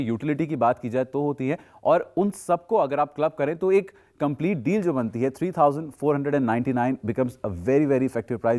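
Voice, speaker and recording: Persuasive male teleshopping presenter, medium pitch. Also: darkish tone. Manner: persuasive salesman mixing in English phrases. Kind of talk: unscripted product demonstration pitch.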